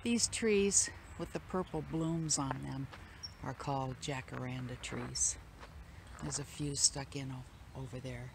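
A woman's voice: extremely low pitch, measured pace, creaky. A woman, chatting casually as she films a hiking trail and points out views. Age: 60s. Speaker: hiking vlogger. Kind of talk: casual narration while hiking. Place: outdoor hillside trail. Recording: loud wind and outdoor noise.

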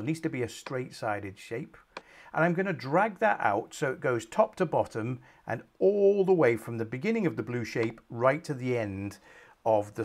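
Speaking at a medium pitch, this middle-aged man presents a software tutorial recorded from his screen in a small home office. He calmly goes step by step, often filling gaps with "um."

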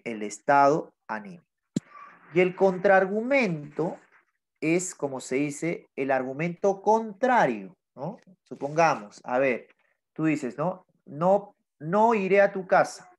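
A man teaching an online class, his pitch rising and falling in a lively, animated way as he explains. He talks patiently and keeps checking whether the students follow. He is heard through a laptop microphone.

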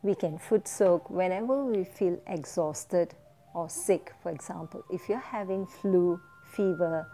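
A woman teaching a guided foot-soak meditation, giving gentle step-by-step instructions. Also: on the low side, unhurried, a little hiss or hum.

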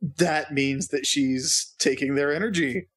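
Male podcast co-host, husky tone, chatty and digressive. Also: on the high side, a little slow, fairly bright tone. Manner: chatty, digressive, laughs often. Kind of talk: casual chat.

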